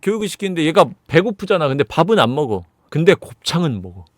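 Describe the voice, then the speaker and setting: Animated man recapping a movie. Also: on the high side, fast, no echo, studio quality. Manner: animated storytelling with sound effects. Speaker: movie reviewer.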